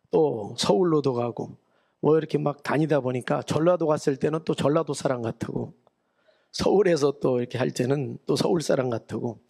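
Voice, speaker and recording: A man's voice: medium pitch, vocal fry, darkish tone, slightly rough. A middle-aged man with a Chungcheong accent, a guest pastor preaching a revival sermon in a folksy, chatty way, joking with the congregation. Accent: Chungcheong Korean. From Chungcheong, Korea. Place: church sanctuary.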